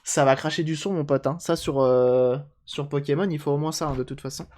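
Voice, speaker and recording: A man's voice: on the high side, fairly even intonation, fairly quick, a little mellow, a little hiss or hum. A man chatting casually on a live stream while repairing a handheld console, joking and answering chat aloud.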